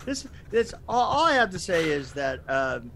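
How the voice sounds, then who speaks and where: A man's voice: fairly high pitch, big pitch swings, normal speed, vocal fry, bright, forceful tone, slight background noise, poor audio. A man co-hosting a podcast, rambling through casual movie talk with stammers and laughs. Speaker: podcast co-host. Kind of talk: casual chat reviewing a movie.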